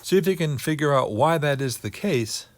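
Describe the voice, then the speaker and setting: A man giving a physics lecture on orbits, working through figures slowly and thinking aloud with many pauses. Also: a little high, animated, no echo. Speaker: teacher.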